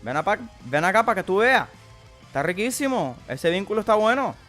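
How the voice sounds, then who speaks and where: A man's voice: high voice, very animated, a little fast, fairly bright tone, soft background music. Man putting on a jokey Cuban-accented Miami guy. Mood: playful. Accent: Cuban Spanish. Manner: playful, slangy and crude. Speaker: streamer. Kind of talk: casual game commentary.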